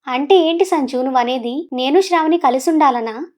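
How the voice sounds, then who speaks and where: A woman's voice: sits high, normal speed, darkish tone, natural voice. A woman voicing a young man, an earnest and troubled husband, in a serious, pleading way.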